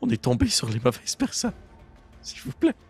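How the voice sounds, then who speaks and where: A man's voice: wildly swooping pitch, normal speed, breathy edge, faint music behind, full character voice. A sobbing, begging old man. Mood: desperate begging. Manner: begging, sobbing, high and breaking. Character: pleading terrified old man captive.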